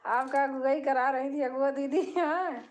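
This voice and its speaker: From her home, a chatty older woman hosts a live stream, casually talking with her viewers. Her voice is high, with fairly even intonation and a slightly slow pace. She's warm-hearted and now and then breaks into folk singing.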